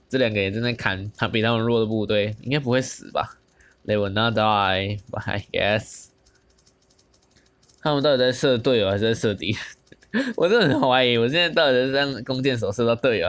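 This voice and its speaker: A young man with a Taiwanese Mandarin accent giving casual, excited commentary on a battle game, mixing in English and plenty of exclamations. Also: mid-range voice. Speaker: gaming channel host.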